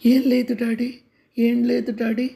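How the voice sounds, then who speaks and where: A man voicing a frightened seven-year-old boy with a fever, high and pleading in a storybook reading. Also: fairly even intonation, measured pace, gravelly, dark tone, heavily acted.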